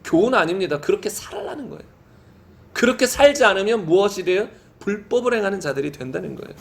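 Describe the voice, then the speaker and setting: A male pastor with a notably high-pitched voice delivers a Sunday sermon. He reads scripture aloud slowly and solemnly, then presses his points with repeated rhetorical questions to the congregation. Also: big pitch swings, creaky.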